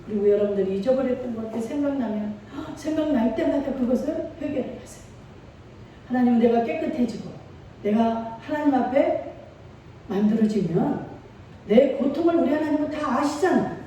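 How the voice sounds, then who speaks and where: A woman's voice: sits high, normal speed, mellow, a little hiss or hum. A middle-aged woman pastor preaching a sermon with feeling and call-and-response. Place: church sanctuary. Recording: echoey church hall from far off.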